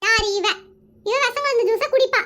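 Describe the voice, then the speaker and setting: A fussy older mother-in-law, put on by a woman, fretting. Her voice sits extremely high and sounds bright and sharp. She wails her complaints like the drama in a comedy skit. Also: moderate pace. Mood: complaining.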